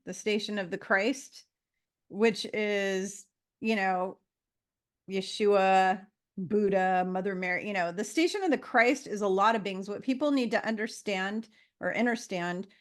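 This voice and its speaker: A woman in her fifties talks as a guest in a relaxed conversation, her voice sitting at an ordinary middle pitch. She wanders through her points, pausing on fillers and circling back to restart her sentences. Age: 50s. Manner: meandering, with frequent fillers and restarts. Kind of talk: casual conversation.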